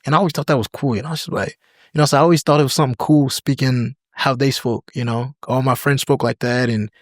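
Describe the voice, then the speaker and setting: Quick-paced and mid-range, this young American podcast guest chats loosely through a casual interview, sprinkling "like" and "you know" throughout and slipping into other languages. The dry mic captures no room sound.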